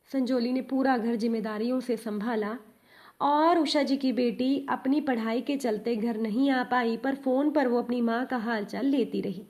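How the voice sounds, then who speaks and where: A woman narrates a devotional story in a measured, gentle reading. Her voice sits fairly high.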